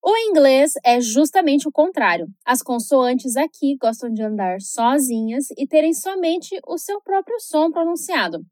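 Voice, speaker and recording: A woman with a Brazilian Portuguese accent teaching English pronunciation in a chatty scripted video lesson, slowing down to model each word carefully. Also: sits high, expressive, darkish tone, no echo, studio quality. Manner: chatty, tag questions, slow careful model words.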